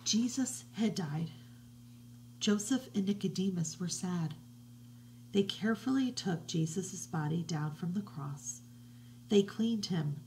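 A middle-aged woman reading a picture book aloud to children from her living room, slow and hushed with soft whispery passages, recorded on a webcam. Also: lowish voice, animated, slight background noise, poor audio. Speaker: children's religious educator. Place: living room at home, indoors. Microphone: webcam at desk distance.

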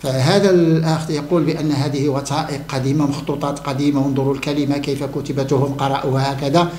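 A man's voice: mid-range voice, flat delivery, fast talker, darkish tone, echoey room, a little hiss or hum. A man giving an emphatic monologue to camera, repeating key words for stress. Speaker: religious commentator.

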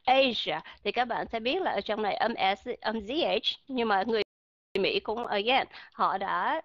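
A Vietnamese-speaking woman with a somewhat high voice leads an online pronunciation lesson. She explains step by step, pausing on fillers and often asking whether the class follows. The sound is dry and a little dull, like a modest home microphone. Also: fairly bright tone, dry recording. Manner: explains slowly, many fillers, checks students understand. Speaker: English pronunciation teacher.

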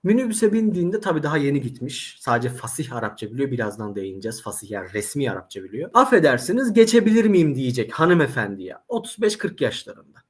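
A man's voice: medium pitch, fast, hardly any pauses. A man who teaches Arabic, telling anecdotes animatedly in a casual interview and speaking straight to the viewers. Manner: animated storyteller, addresses audience directly.

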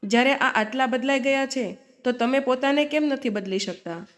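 A firm, outspoken grown daughter, read by a woman storyteller, who speaks up for her mother in a storybook tale. Her voice sits somewhat high and stays close to a plain reading voice. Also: normal speed, lightly acted. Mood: confronting. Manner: firm, scolding.

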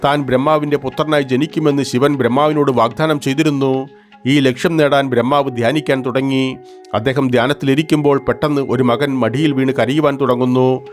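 A man's voice: medium pitch, steady tone, brisk. Male narrator, scripted storytelling, mid-range voice, faint music bed.

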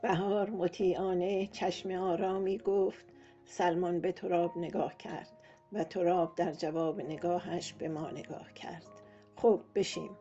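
A woman giving a calm, measured scripted narration of a romance novel as an audiobook narrator. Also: on the low side. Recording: muffled, soft music behind.

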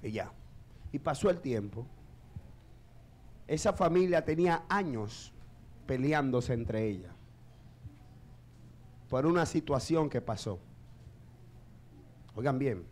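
A male pastor, preaching a sermon in church and swinging between shouted peaks and quiet low asides. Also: animated, slow, long pauses.

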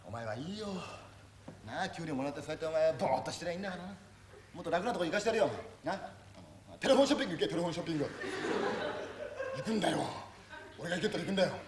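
Man acting as a rough middle-aged tv boss, berating, quick-talking, echoey far-off stage recording with noise. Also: a little high, animated, close to an everyday voice. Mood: scolding. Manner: berating, rough, drops insults constantly. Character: gruff middle-aged male TV production boss, bullying. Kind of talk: stage comedy monologue.

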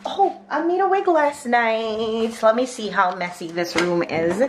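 In her small home kitchen and spare room, a Jamaican woman in her twenties chats for her daily vlog in an unhurried way, rambling and thinking out loud with plenty of fillers. Her voice is a little high, and there's background noise.

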